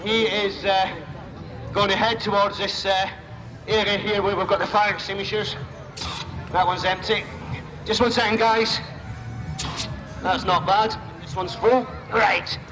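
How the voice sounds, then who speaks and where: A man's voice: high voice, flat delivery, measured pace, pauses often, in a large hall. A man announcing a live outdoor stunt show to a crowd, with informal, jokey patter. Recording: outdoor PA, crowd and vehicle noise. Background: crowd, vehicles and outdoor noise.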